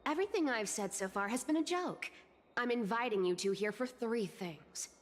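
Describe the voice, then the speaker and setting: A woman's voice: a little high, lively intonation, normal speed, long reverb tail. A woman voicing a sly, teasing young female thief with a cat-like, playful manner in a video game.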